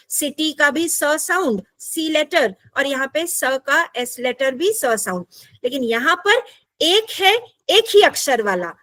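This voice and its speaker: A woman's voice: sits high, fairly bright tone, no room sound. A woman teaching an online English class, patiently explaining step by step and checking in with her students. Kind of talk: explaining a lesson, mixing Hindi and English. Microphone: computer mic in an online class.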